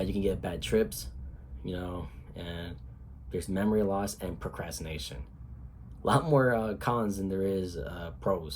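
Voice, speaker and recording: A man's voice: deep voice, a little hiss or hum. A young man with a cold, congested and sniffly, talking casually to camera in a rambling way with many fillers and some swearing. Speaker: vlogger.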